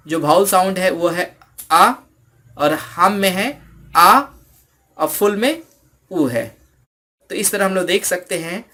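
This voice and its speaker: A man teaching an English lesson, mixing in another language and slowly stressing each example word. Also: high voice, fairly bright tone.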